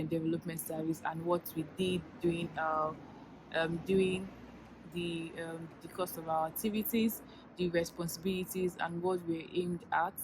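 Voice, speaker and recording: Against a noisy background, a Nigerian woman in her twenties who speaks Yoruba gives earnest, chatty application advice in her YouTube vlog. Her voice sits on the low side, and she uses many fillers and restarts.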